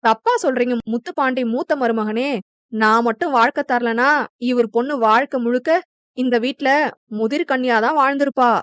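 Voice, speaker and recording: Woman narrator voicing a brash young husband, teasing, quick retorts, high voice, dry sound. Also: fairly bright tone, no echo, lightly acted. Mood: defiant.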